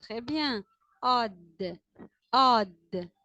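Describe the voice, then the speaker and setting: A woman teacher with an Arabic-speaking accent leads a classroom alphabet lesson, slowly drawing out letters and words in repetition and praising often. Her voice is fairly high, expressive, bright, and forceful, on a dry, dull recording.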